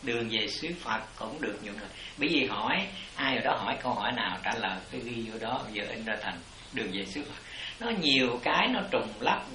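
A man speaks as a Buddhist teacher, his tone bright and forward. He explains in loose, repetitive sentences. The room adds a noticeable echo. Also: mid-range voice, expressive, a little fast, hardly any pauses. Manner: rambling explanations, repeats "it" constantly. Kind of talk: dharma talk answering disciples.

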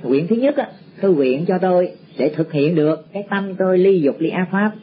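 Monk teaching meditation. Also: male voice, high-pitched, lively intonation. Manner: slow, instructive, repeats words while searching for them. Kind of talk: dharma talk to disciples. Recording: muffled lo-fi recording with faint background noise.

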